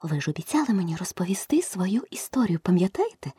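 A polite young girl from a storybook speaks timidly and carefully, as a woman reads her. The voice has a soft, breathy huskiness. The sound is dry and close. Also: on the low side, sing-song, fast, no room sound, full character voice.

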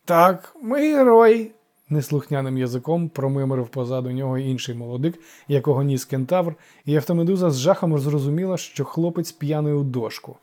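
Male narrator, audiobook, lively storytelling, dark mellow tone. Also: mid-range voice, a little fast, hardly any pauses.

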